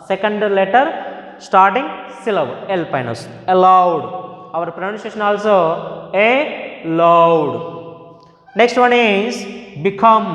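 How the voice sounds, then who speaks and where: A male teacher with a Telugu accent, giving a slow classroom lesson in English and Telugu, repeating each word aloud. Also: sits high, fairly bright tone. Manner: slow, drawn-out, repeating words to model stress. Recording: echoey hall with long reverb.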